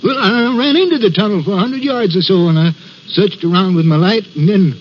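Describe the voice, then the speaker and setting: A man voicing a jittery railway signalman in a vintage radio thriller, his pitch running high for a man. He stumbles over his words as he recounts the story. The recording is dull and muffled, with a faint hiss. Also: lightly acted. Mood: haunted. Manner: halting, stammering storyteller. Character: haunted, nervous railway signalman. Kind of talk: 1940s radio acting.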